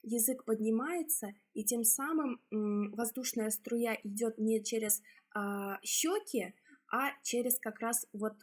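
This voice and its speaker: A speech therapist, a woman, gives halting, instructional explanations of exercises one step after another. She has a slightly husky voice pitched a little high.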